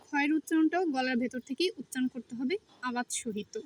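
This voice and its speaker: A woman teaching the Arabic alphabet in a step-by-step pronunciation lesson, saying each letter slowly and repeating it. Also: high-pitched.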